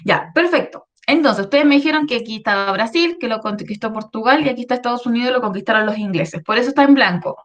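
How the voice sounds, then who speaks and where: Fast and expressive, with few pauses, this fairly high, fairly bright female voice belongs to a Chilean history teacher. She explains a lesson to schoolchildren online, patient throughout, and keeps checking they're following with many a "¿ya?".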